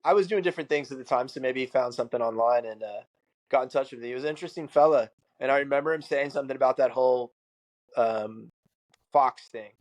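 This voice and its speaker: A man's voice: medium pitch, quick pace. A man hosting a podcast, telling rambling stories in casual chat and swearing freely. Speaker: podcast host.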